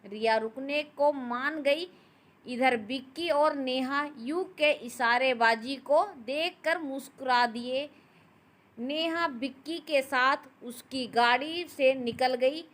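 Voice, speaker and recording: A woman storyteller reading a family drama in calm, steady scripted narration. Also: high-pitched.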